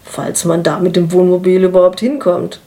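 A woman's voice: on the low side, level tone, normal speed, dark tone, close to an everyday voice. A woman reading the lines of a laid-back, distracted middle-aged husband, speaking in a dry, matter-of-fact way. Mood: wry.

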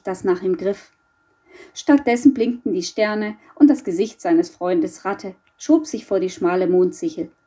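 A middle-aged woman reads her own youth novel aloud. Her voice is mellow and darkish, her telling measured and expressive, at an even middle pitch. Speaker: author.

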